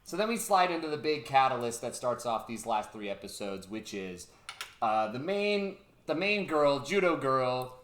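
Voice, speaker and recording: A man's voice: medium pitch, sing-song, moderate pace, fairly bright tone, slight background noise. A young man hosting a podcast, casually retelling an episode with loose, profane energy and acting out the characters' lines. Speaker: podcast host. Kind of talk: casual chat, animated retelling. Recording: echoey room.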